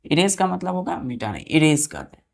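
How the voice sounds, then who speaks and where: A woman's voice: sits low, sing-song, fairly quick, gravelly, darkish tone. A woman teacher teaching English vocabulary to students, spelling words letter by letter and repeating each meaning while asking the children whether they follow. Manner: asks the children questions and checks they follow. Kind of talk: vocabulary lesson for exam students.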